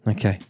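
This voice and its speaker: A man's voice: a little high, creaky, warm tone, slightly rough, no echo. A man streaming, chatting casually and laughing often as he opens card packs and reads chat aloud.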